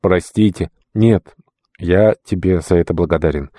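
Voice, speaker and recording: A man voicing a stern older archpriest who admonishes in firm, measured speech. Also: sits low, mellow, dry recording, studio quality. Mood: admonishing. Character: stern elderly male archpriest, grave and admonishing. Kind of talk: audiobook character voice.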